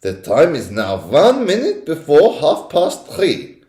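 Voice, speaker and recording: A man voicing a domineering female witch leader with a shrill, theatrical voice. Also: huge pitch swings, takes it slowly, mellow, echoey room, exaggerated voice. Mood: commanding.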